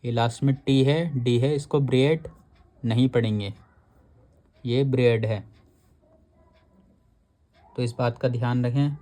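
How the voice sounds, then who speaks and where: Slow, mellow-voiced male shorthand teacher. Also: mid-range voice, fairly even intonation. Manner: explains patiently, reads rule text aloud very slowly. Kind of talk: step-by-step shorthand lesson.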